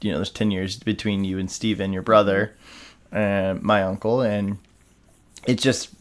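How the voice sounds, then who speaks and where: A young man hosting a casual podcast chat, relaxed and rambling, with many fillers. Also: lowish voice, a little slow. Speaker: podcast host.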